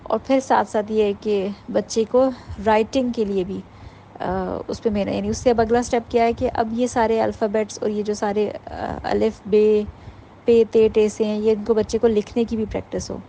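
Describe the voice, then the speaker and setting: A woman giving an informal workshop talk to mothers, explaining patiently and sounding out letters slowly. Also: mid-range voice, fairly even intonation, gravelly, mellow, slight background noise, rough recording. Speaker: parenting workshop teacher.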